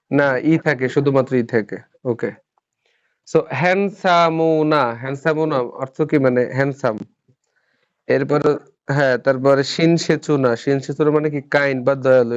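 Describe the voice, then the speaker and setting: A man's voice: mid-range voice, dry recording, highs cut off. A man teaching a live online grammar lesson, patient, repeating terms and quizzing his students. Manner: patient, repeats terms and asks the class questions. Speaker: Japanese language teacher.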